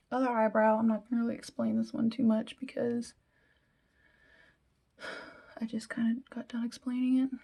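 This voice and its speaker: A woman's voice: a little high, creaky, darkish tone. A young woman chatting casually through a makeup tutorial, with self-deprecating asides that sometimes drop to a whisper. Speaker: beauty vlogger.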